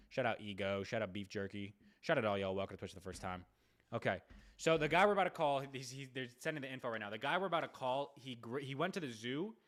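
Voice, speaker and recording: A young man live-streaming, chatting casually with viewers in an excitable way, repeating himself and firing off rapid shout-outs. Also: mid-range voice. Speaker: livestreamer doing prank calls.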